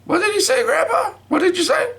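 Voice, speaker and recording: A man voicing his tearful little granddaughter in a squeaky, whimpering plea. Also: big pitch swings, brisk, gravelly, fairly bright tone, exaggerated voice. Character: little girl, crying granddaughter.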